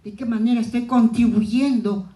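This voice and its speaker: A woman from southern Ayacucho whose first language is Quechua speaks at a panel in a reflective, anecdotal way, often restarting her sentences. Her voice is mellow and warm. The sound carries an echoey hall reverb. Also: fairly high pitch, steady tone, normal speed. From southern Ayacucho, Peru. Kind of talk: conference talk.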